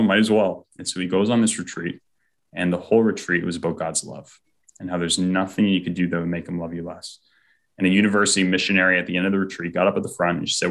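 As an interview guest, a man shares a heartfelt personal faith story, often acting out what other people said. His voice sits low and has a slightly bright quality.

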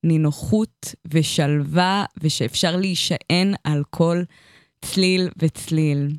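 A woman hosting an interview, warmly affirming and enthusiastic in casual chat. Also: sits low, clear, resonant tone, no room sound, clean studio sound. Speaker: podcast host.

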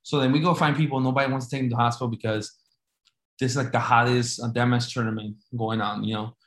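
A man's voice: medium pitch, steady tone, quick pace, fairly bright tone. A man telling a story casually, rambling with lots of restarts. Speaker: storyteller recounting an injury. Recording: echoey room.

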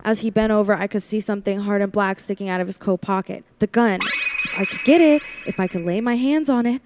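Speaking quickly in a mid-range, slightly mellow, natural voice, a woman performs classic radio thriller acting with first-person narration in a tense mood. She plays a frightened young working woman held by a killer, pleading, faltering and occasionally defiant, and there's a little hiss or hum in the recording.

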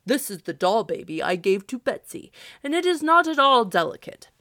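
A woman as a loud, hearty Santa Claus. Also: sing-song, dry recording, studio quality. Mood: brisk, reassuring. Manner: booming, emphatic, brisk and decisive. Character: hearty, jolly, commanding old Santa Claus.

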